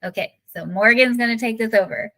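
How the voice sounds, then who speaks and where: A woman's voice: fairly high pitch, brisk, sharp tone, rough recording. A woman co-hosting a casual online session, explaining the next steps plainly and encouraging participation. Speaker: session co-host.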